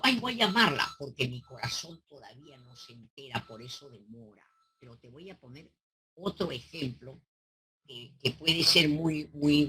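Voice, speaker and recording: Woman therapist, animated delivery, bright, a bit husky, lots of rhetorical questions. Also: deep voice. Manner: animated, teaching through examples and rhetorical questions. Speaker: psychoanalyst. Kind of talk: explaining to a caller on a talk show.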